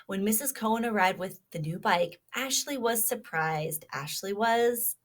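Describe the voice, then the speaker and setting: A woman reads a children's story aloud with expression, her medium-pitched voice moving at a measured pace. Every so often she pauses to ask her young listeners questions.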